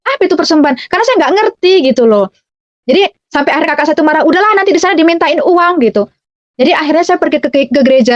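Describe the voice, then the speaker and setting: Sharing her faith testimony conversationally, a high-voiced woman calls her audience dear brothers and sisters and adds a casual filler to her phrases. The recording is dry, dull, and muffled, with no echo.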